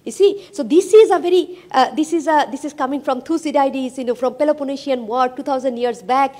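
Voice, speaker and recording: A middle-aged woman professor speaks on a roundtable panel into a handheld mic in a conference hall, emphatic and full of fillers. Her voice sits high, a little mellow, and she talks fairly quickly.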